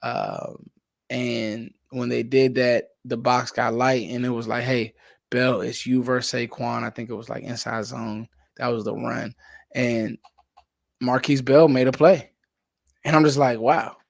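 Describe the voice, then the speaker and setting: A man hosts his own football show, talking through game film with casual animation. His voice has a gravelly, fried texture. The sound is dry and close, with no room behind it. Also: medium pitch, unhurried, no room sound. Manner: animated, drops to a whisper at times. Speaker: sports podcast host.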